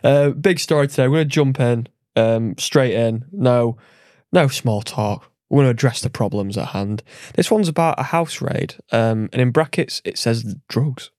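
Podcast co-host, man, mid-pitched, close dry mic, playful banter. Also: a little mellow, no echo. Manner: playful, brisk interjections. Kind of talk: casual chat, reading out a listener email.

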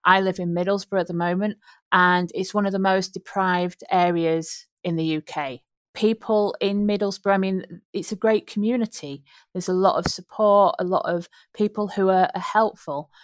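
A woman's voice: medium pitch, steady tone, normal speed, dry recording. A woman from Yorkshire, a researcher and book author, talking in a panel discussion with frequent restarts. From Yorkshire, England.

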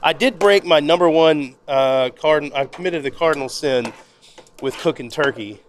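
A man's voice: on the high side, moderate pace, slight background noise. A man hosting a casual interview show, chatty and jokey, often laughing as he talks. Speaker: podcast host.

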